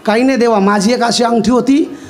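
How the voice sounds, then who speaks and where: A man's voice: very high voice, steady tone, fairly quick, a little mellow. A man doing Arjun, an anxious young warrior. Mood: insistent. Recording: live with instrumental music behind.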